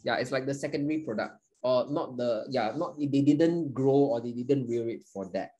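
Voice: medium pitch, moderate pace, dark tone, rough recording. A teacher runs a live online class in a playful, joking way and counts down to each answer.

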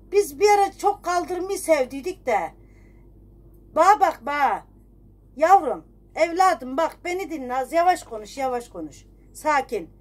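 Middle-aged woman, very high voice, folksy and scolding, complaining through one side of a phone chat. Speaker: phone call recipient refusing a credit card offer. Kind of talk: humorous one-sided phone conversation.

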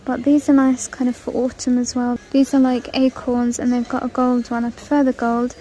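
A woman's voice: on the high side, completely flat delivery, normal speed, warm tone, poor audio. A woman casually walking through a large store, chatting and listing prices as she films on her phone. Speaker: shopping vlogger. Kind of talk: casual shop-with-me walkthrough. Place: large indoor retail store. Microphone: handheld phone camera.

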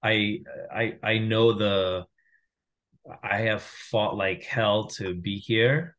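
A Venezuelan man in his thirties, a company founder appearing as a guest, speaks in a casual interview over a video call from a room at home, picked up by his webcam mic. His voice sits on the low side and is fairly bright, with a steady tone and a slow pace. He sounds reflective, restarting often and using many fillers.

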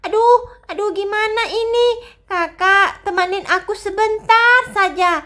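A timid little girl, as voiced by a woman, whimpers and gasps in panic through a voice-acted game role-play. The voice sits extremely high. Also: a little slow, pushed and bright, exaggerated voice. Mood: nervous.

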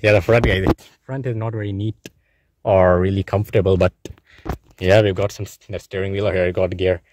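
A young man chatting casually as a vlogger while filming from inside a blanket fort in a parked car, talking excitedly and saying guys constantly. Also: deep voice, moderate pace. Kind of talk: casual vlog narration. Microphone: handheld phone camera.

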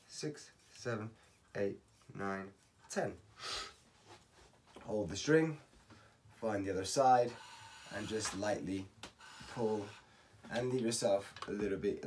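Slightly hoarse man in a tutorial. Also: lowish voice, a little hiss or hum. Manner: relaxed, talks through each step, counts aloud. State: slightly hoarse, losing his voice. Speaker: racket stringing instructor. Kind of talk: step-by-step how-to tutorial. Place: home workshop at night. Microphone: camera on a tripod.

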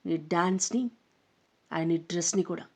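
A woman voicing an arrogant, threatening young man in an audio story, speaking low and mocking. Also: measured pace, darkish tone. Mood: menacing. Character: menacing arrogant young man, a rich bully. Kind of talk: storybook narration.

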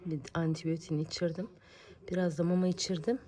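A woman in her thirties vlogging at home, talking to viewers and in gentle baby talk to her daughter. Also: on the low side, flat delivery, quick pace. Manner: soft baby talk to her daughter, whispering while the child sleeps. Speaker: vlogger and mother. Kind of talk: casual home vlog chat.

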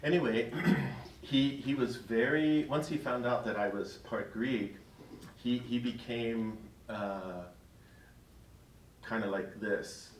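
A man's voice: medium pitch, takes it slowly, a little hiss or hum. Man talking in an echoey church hall. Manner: conversational, chuckling as he tells stories. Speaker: priest. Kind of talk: parish talk with storytelling. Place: church hall in front of an audience. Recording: echoey hall, distant mic.

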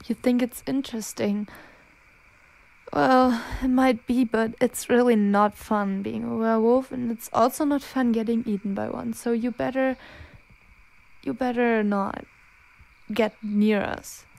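Acting in an ASMR audio drama, a woman portrays a young werewolf girlfriend in fear, trying to suppress her transformation; her fairly high voice has a darkish tone, and she stammers and pleads very slowly. Her mood is an urgent warning, and the recording is low quality.

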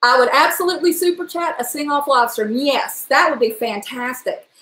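High-pitched and moderately paced, a middle-aged woman with a strong trained voice chats on a casual kitchen live stream at home. She's animated and talkative, gestures freely, and sometimes sings. The desk-distance webcam gives poor, reverberant audio.

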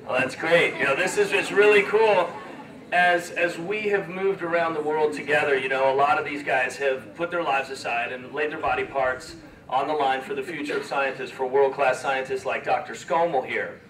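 A man leading an expedition gives an earnest, halting, emotional speech to schoolchildren, recorded from far off in a large room. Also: medium pitch, fairly bright tone. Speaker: expedition leader. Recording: echoey room from far off, faint ambience.

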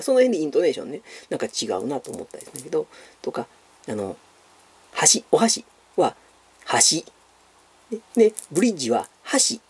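A man with a Kansai accent rambles through viewer questions in a loose, chatty monologue. His voice is dark and gravelly with a raspy edge, and his pitch swings widely as he talks. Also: dry recording. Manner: chatty, rambling, many fillers, calls himself by nickname. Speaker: YouTuber answering viewer questions. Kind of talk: casual Q&A monologue.

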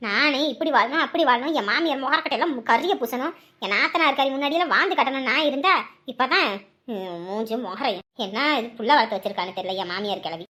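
Woman as high, quick, snappish wife, cartoon. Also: sharp tone. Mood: bitter. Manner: snappish, dismissive retorts. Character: sharp-tongued hard-working village wife and mother.

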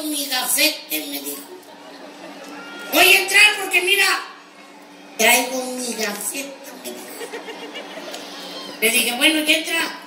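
A man playing a naive, boastful rural ranch hand with a Mexican accent, telling bawdy stories and bursting into shouts. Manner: high squeaky voice, bawdy punchlines, shouted outbursts. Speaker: stand-up comedian in character. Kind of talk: live comic monologue. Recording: roomy live venue from far off, crowd and noise.

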